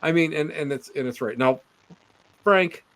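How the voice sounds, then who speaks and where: An older man from Western New York chatting casually on a podcast, animated and teasing, often laughing. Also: a little high, moderate pace. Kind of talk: casual chat.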